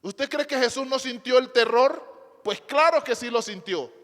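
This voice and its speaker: Man preaching a sermon, very high voice, emphatic, rhetorical questions, long hall reverb. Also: measured pace, a bit bright. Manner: emphatic, repeats phrases, asks the congregation rhetorical questions. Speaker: pastor. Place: church before a congregation.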